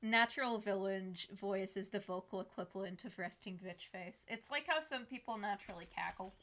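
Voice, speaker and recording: A woman's voice: mid-range voice, fairly quick, a bit bright. A woman giving casual, blunt, joking commentary while playing through a video game.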